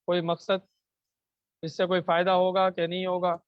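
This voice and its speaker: High-voiced man teaching Quranic grammar. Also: monotone, clear, resonant tone, dry recording, highs cut off. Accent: Pakistani Urdu. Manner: asks the class questions and answers them himself; recites Arabic verses slowly, then explains in Urdu. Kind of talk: classroom lesson on Quranic grammar and recitation. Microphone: microphone.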